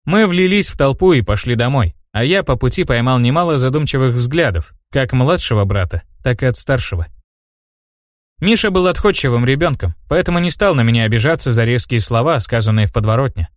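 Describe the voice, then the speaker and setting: A man narrating a first-person fantasy audiobook in a steady, even storytelling manner. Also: mid-range voice, brisk, no echo, studio quality.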